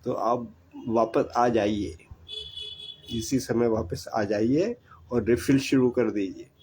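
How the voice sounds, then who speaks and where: A man's voice: medium pitch, takes it slowly, warm tone, slightly rough, poor audio. An older man giving earnest, repetitive advice about saving money. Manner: preachy, repetitive, exhorting. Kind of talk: earnest monologue.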